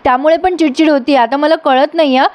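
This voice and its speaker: A woman voicing an irritable, sharp-tongued young woman who snaps and mocks. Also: sits high, steady tone, quick pace, pitched above the performer's own voice, natural voice. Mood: irritated. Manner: snappy, sarcastic quoted lines.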